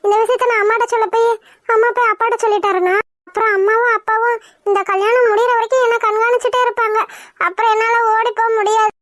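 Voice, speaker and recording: Young cartoon girl crying about leaving home, super high squeaky voice, dry close sound done by the voice actor. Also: level tone, quick pace, a bit bright, dry recording. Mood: tearful. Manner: high-pitched, weepy pleading. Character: young woman torn over eloping, tearful. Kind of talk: cartoon voice acting.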